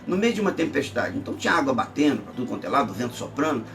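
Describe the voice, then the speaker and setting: A man preaching a Bible lesson emphatically, rising to shouts and dropping to murmurs. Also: mid-range voice, sing-song, rapid-fire, gravelly, recorded from a distance, faint music behind. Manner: emphatic, swinging between shouts and near-murmurs. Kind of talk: sermon-style Bible teaching.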